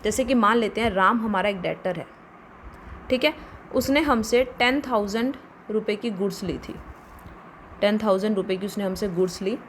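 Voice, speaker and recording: A woman's voice: medium pitch, moderate pace, long pauses, a little hiss or hum. A woman teaching a commerce lesson, explaining step by step and answering her own questions. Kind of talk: classroom lecture.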